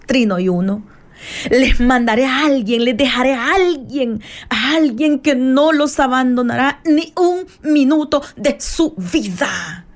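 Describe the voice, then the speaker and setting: Fervent woman preaching, rather high voice. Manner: fervent, repetitive and emphatic. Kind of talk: sermon.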